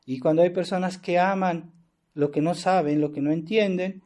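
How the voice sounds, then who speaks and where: A Mexican priest with a high, slightly mellow voice preaches at a moderate pace with fairly even intonation. He's earnest and insistent, often breaking off to restart and appending a rhetorical "¿verdad?".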